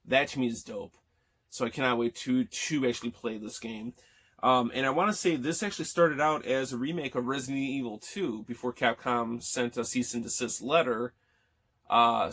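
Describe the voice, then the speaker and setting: A man's voice: mid-range voice, fairly bright tone. A man in his thirties chatting casually about games he picked up, rambling with many fillers and restarts and swearing freely, his voice still cracking after being sick. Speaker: gaming vlogger. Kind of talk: casual chat.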